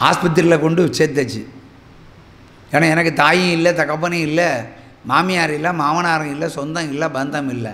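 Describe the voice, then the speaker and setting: A middle-aged man, preaching a sermon and telling a personal story, with dramatic swings between loud exclamations and low murmurs. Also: fairly even intonation, moderate pace. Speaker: pastor. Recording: long hall reverb.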